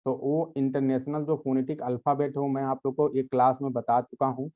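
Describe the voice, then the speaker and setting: A man's voice: mid-range voice, little pitch movement, fairly quick, narrow, tinny audio. A man teaching English grammar to his students, explaining patiently, checking understanding often and addressing them directly. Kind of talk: explanatory lecture to a class.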